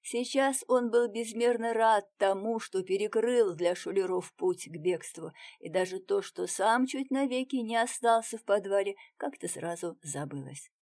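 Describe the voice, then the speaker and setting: A woman narrating an audiobook with expressive reading that drops to a hush in tense moments. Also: mid-range voice, normal speed, few pauses. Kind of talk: scripted narration.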